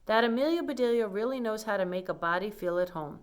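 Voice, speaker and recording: A blunt elderly great-aunt from a storybook, played by a woman reading aloud. She makes formal, folksy declarations in a deliberate manner and is easily pleased. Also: mid-range voice, expressive, smooth, close to an everyday voice. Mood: pleased, declaring.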